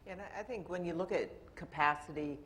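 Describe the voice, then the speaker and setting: A Canadian woman with a Canadian accent speaking on a conference panel, measured and thoughtful. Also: fairly low pitch, a bit bright, a little hiss or hum. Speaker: panelist CIO. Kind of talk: panel discussion.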